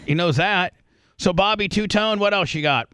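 A man's voice: high-pitched, moderate pace, pushed and bright, clean tone, no echo, studio quality. A man hosting a casual talk radio show, bantering bluntly and crudely, cursing freely and repeating his phrases.

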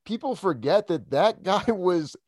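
A young adult man hosting a podcast, reminiscing in relaxed casual chat. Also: high voice, a little slow, no echo, studio quality. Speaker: podcast host.

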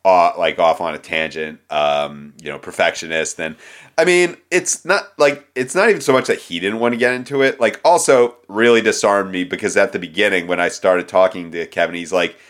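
A man's voice: low voice, lively intonation, brisk, fairly bright tone. A man from the United States co-hosting a music podcast, rambling in a loose, self-deprecating way. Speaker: podcast co-host. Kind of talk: casual chat.

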